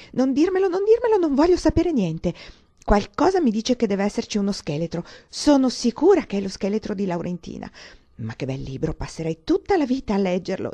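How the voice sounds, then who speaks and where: An innocent, excitable young woman, voiced by a woman reader in a dramatized audiobook, bursting with eager, breathless exclamations. Her tone is dark and mellow. The reading is calm and steady. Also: medium pitch, gravelly, no echo.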